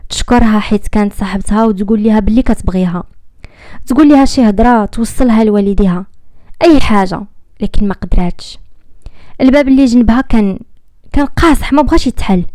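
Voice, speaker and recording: A woman with a Moroccan accent narrates a dramatic love story in a measured, theatrical way. Her voice is mellow and warm, and the recording is dry and close, with no room sound. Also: mid-range voice, dry recording. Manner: measured and dramatic, slowing at tense moments.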